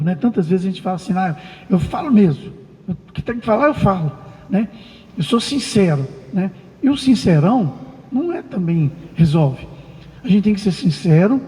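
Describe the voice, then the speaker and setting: A Brazilian man with a fairly high, mellow voice preaches to his congregation. He talks in a loose, chatty way and keeps tossing tag questions to his listeners. His voice rings out with a long church-hall reverb. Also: lo-fi sound. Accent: Brazilian Portuguese. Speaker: pastor. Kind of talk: sermon.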